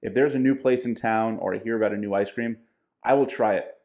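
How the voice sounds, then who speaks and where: A man's voice: lowish voice, steady tone, brisk, a little mellow. A man co-hosting a casual diet podcast, giving plain-spoken practical advice. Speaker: podcast co-host, diet coach.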